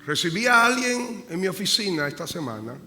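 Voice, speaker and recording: A male pastor preaching a sermon with passion. He swings from hushed prayer to loud emphasis and repeats phrases to drive them home. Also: high voice, sing-song, a little fast. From Dominican Republic. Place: church sanctuary. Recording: live church recording with long reverb and faint room noise.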